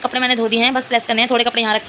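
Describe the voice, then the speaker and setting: At home indoors, a young mother vlogs while talking to her small daughter and her viewers, alternately coaxing and scolding. Her fairly high voice stays level but races along, with background noise present.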